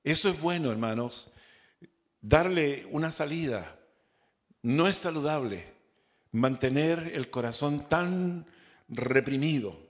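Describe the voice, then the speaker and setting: A man's voice: a little high, lively intonation. A man with a Chilean accent, a pastor preaching a Bible study sermon, repeating key words and asking the congregation rhetorical questions. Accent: Chilean Spanish. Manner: slow, drawn-out preaching with rhetorical questions and repetition.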